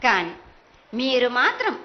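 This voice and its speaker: High, swooping woman oracle in prophetic trance. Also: wildly swooping pitch, measured pace, very noisy. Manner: chanting, incantatory, with insistent repeated phrases. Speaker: oracle speaking as the mother goddess. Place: live temple festival ritual. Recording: dull lo-fi live broadcast sound.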